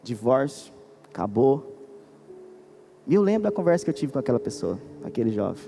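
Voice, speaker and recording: Earnest Brazilian pastor preaching. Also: male voice, mid-range voice, sing-song, a little fast, vocal fry, big-room sound, music in the background. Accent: Brazilian Portuguese. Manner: earnest, pleading, shifts from quiet to insistent. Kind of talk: sermon. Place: church hall.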